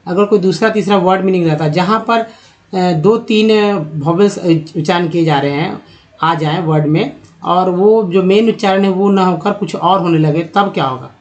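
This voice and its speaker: A man with a fairly high voice leads a spelling and pronunciation lesson. He stretches out words and breaks them into letters as he goes. The sound is dull and lo-fi. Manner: slow, drawn-out word-by-word pronunciation drills. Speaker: English teacher. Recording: dull lo-fi audio.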